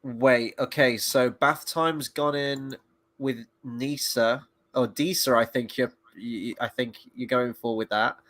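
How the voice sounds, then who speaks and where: A man with a mid-range voice chats casually and jokily, his delivery animated and playful. The recording is close and dry, with little room sound. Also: medium pitch, a little slow, no echo. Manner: animated, jokey, slips into mock voices. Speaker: podcast co-host guessing quotes. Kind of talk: casual chat.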